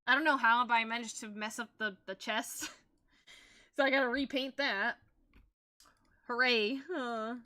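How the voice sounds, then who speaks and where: A woman's voice: on the high side, steady tone, a little slow, long pauses, bright, forceful tone. A young woman streaming as a VTuber, chatting casually while she paints, rambling and laughing often.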